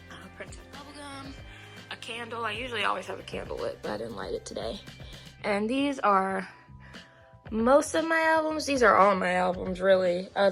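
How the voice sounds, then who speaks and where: A woman giving a casual tour of her room, chatty and soft-spoken, a little out of breath. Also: mid-range voice. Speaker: nail content creator.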